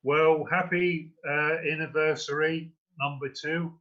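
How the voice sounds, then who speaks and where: Male poet, from slough, wry, unhurried, slightly high voice, dull call audio. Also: steady tone. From Slough, England. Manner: wry, self-deprecating, punchy rhyming delivery. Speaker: poet performing at an open mic. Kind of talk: casual chat and rhymed poetry recitation.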